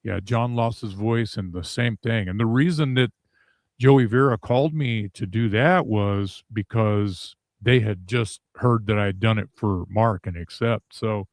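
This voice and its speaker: A man talking casually as a guest in an interview, candid and halting, with many restarts and some swearing. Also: lowish voice, dry recording, clean studio sound. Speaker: guest vocalist.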